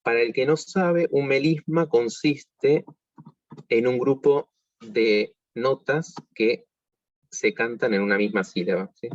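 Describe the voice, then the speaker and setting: A man's voice: mid-range voice, slow, dry recording, dull audio. Argentine man teaching over a call. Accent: Argentine Spanish. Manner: explanatory, with many fillers and restarts. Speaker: music teacher. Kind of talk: online workshop lesson.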